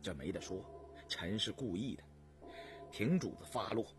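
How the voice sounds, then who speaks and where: A man voicing a plainspoken court official who hesitates with drawn-out fillers. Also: lowish voice, animated, faint music behind, voice pushed down, natural voice. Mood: frank. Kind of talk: storytelling radio reading.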